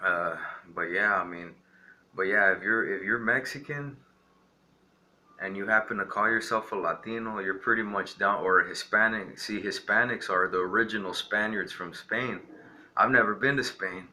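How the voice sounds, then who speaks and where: Normal speed, a fairly low pitch and a pushed, bright quality mark this young Texas vlogger's casual, defiant rant to camera, which rambles with lots of "you know."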